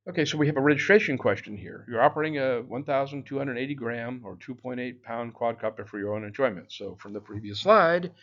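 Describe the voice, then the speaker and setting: A man's voice: mid-range voice, fast, hardly any pauses, fairly bright tone, lo-fi sound. A man teaching an exam-prep lecture in a loose, chatty way, full of fillers and asides. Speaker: drone exam instructor.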